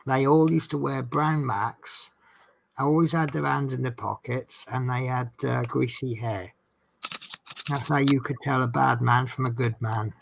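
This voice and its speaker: A man with a Norfolk accent and a gravelly, creaky edge to his voice hosts a casual live chat. His talk rambles along in a jokey, self-deprecating way at a middling pitch. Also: fairly even intonation, a little slow, rough recording. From Norfolk, England.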